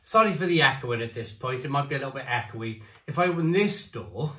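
A man's voice: mid-range voice, lively intonation, brisk, pushed and bright. A man reviewing beer in a chatty, rambling way, recorded in an echoey conservatory at home. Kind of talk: casual beer review vlog. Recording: echoey room sound.

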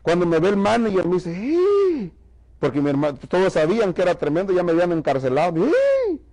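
A man's voice: on the high side, very fast, a little mellow, low-quality recording. A man from Mexico preaching to a church congregation, giving an emphatic testimony and calling the listeners brother. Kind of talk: sermon testimony.

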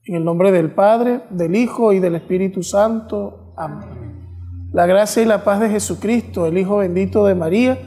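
Priest, long cathedral-like echo. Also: male voice, high-pitched, warm tone, faint music behind. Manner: measured, reverent delivery in short phrases. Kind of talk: solemn liturgical address. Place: small chapel, indoors, at the altar.

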